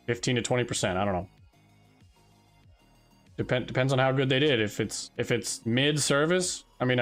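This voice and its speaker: A young man chatting on a live stream, telling a rambling story with frequent restarts and exasperated asides. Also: medium pitch. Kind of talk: casual chat while live streaming.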